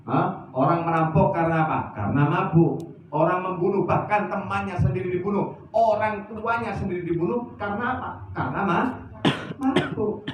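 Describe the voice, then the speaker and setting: A man's voice: fairly high pitch, slight background noise. Guy preaching in a big echoey hall, far from the mic, kinda muffled, keeps going "hah?". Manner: animated, rhetorical questions with "hah?". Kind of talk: religious study lecture. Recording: echoey, distant, dull lo-fi sound.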